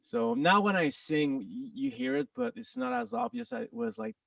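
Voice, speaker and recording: A man with a French-Canadian accent, a guest talking casually in an interview, halting with many restarts and quick laughs. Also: very high-pitched, very animated, gravelly, a bit bright, no room sound, far from the mic. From Quebec, Canada.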